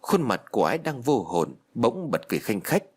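Husky, expressive male audiobook narrator. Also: medium pitch, brisk. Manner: dramatic, expressive storytelling. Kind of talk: scripted narration of a ghost story.

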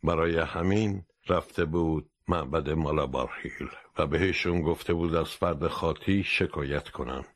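Very deep-voiced male audiobook narrator. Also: few pauses, dry recording, clean studio sound. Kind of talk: scripted storybook narration.

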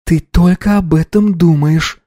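A man voicing a sharp-tongued, tired young woman who snaps short, irritated replies. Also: high-pitched, a little slow, no echo, studio quality, pitched above the performer's own voice. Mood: curt, irritated. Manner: curt, irritated, hissing.

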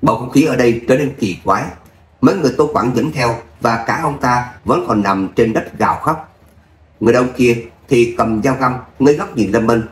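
A man narrating a serialized web novel episode in a steady storytelling voice. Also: mid-range voice, a little fast, reverberant. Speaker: audiobook narrator.

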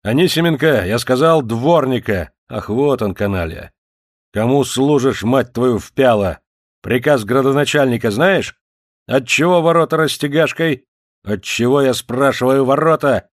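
A man's voice: mid-range voice, lively intonation, moderate pace, dry recording, clean studio sound, pitched above the performer's own voice, close to an everyday voice. A man voicing a bullying, suspicious Cossack officer who barks commands and interrogates in an audiobook. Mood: bellowing. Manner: barking commands, harsh and interrogating.

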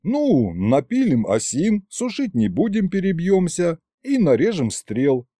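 A man voicing an eager, excitable young man who speaks in a raised, lively voice. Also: high voice, measured pace, no echo, clean studio sound, voice pushed up, full character voice. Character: eager young man, tsar's adopted son and clerk.

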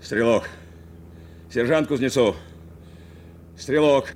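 This male actor, narrating in the first person too, portrays a steadfast bomber navigator who protectively presses his commander, repeating short phrases with earnest, urgent reassurance. The voice is mid-range, slow and darkish, close to everyday speech, with a little noise behind it.

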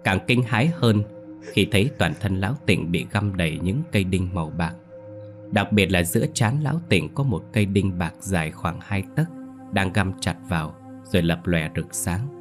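A man narrating a horror story in a measured, somber storytelling manner. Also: low-pitched.

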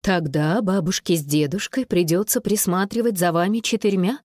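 A woman voicing a gently firm mother and grandmother in an audiobook, lower and measured. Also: dry recording, clean studio sound, natural voice. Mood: calm. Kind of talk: audiobook character voice.

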